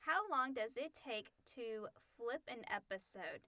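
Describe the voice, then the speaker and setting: A woman co-hosts a casual Q&A podcast, reading out listener questions in an informal, conversational way. Her voice is on the high side, expressive, pushed, and bright, at a measured pace with no room sound.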